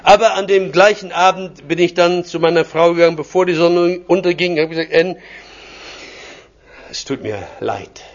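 An older man delivers a sermon built from stories of his own life, chuckling as he tells them. His voice sits high for a man. The recording is dull and lo-fi. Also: level tone, brisk, few pauses. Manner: anecdotal, chuckling storyteller. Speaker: preacher. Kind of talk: personal sermon testimony.

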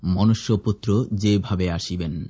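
A man with a low, dark and slightly husky voice reads scripture aloud in a measured, formal recitation. The recording sounds dull and lo-fi. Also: steady tone. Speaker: scripture reader.

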